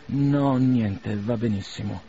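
A man's voice: medium pitch, slow, warm tone, faint music behind. A man voicing a proud, wounded older aristocrat in a duel, with stiff, formal speech, on a muffled lo-fi recording. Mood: curt.

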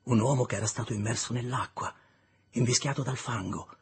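A man narrating an audiobook in a measured, deliberate reading style, with a husky voice. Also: medium pitch, fairly even intonation. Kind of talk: scripted literary narration.

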